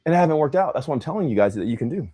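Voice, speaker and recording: Racing along in a slightly high, somewhat rough voice, a young man hosts a laid-back livestream. His talk is lively and full of slang, with "bro" and "man" thrown in often.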